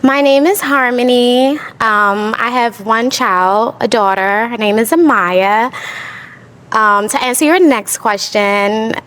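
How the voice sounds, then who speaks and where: A woman's voice: fairly high pitch, takes it slowly, a bit bright. A woman in her thirties, a dating show contestant, answering boldly and playfully. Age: 30s. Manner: bold, playful, forthcoming. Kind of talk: casual chat.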